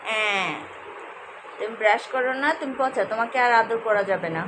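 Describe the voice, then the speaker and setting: A woman's voice: fairly high pitch, fairly quick, noisy background. A mother coaxing and teasing her small child in a playful singsong baby-talk voice during a home video.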